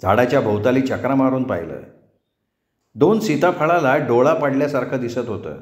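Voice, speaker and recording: A male storyteller narrating a village tale in a vivid, expressive manner. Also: medium pitch, normal speed. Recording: roomy echo.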